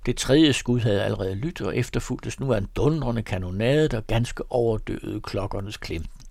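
A man reading a classic short story aloud in a measured, expressive manner. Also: fairly low pitch, gravelly, dry recording, clean studio sound. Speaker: reader.

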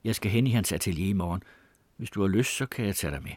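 A man reading aloud, voicing a kind older gentleman who speaks calmly and quietly. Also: fairly low pitch, dry recording. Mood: friendly.

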